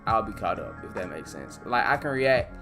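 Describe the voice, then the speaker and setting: A young man hosting a casual live stream. He talks in an animated, excitable way, swears freely and keeps saying "bro". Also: fairly low pitch, normal speed, faint music behind. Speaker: live-stream host reacting to manga.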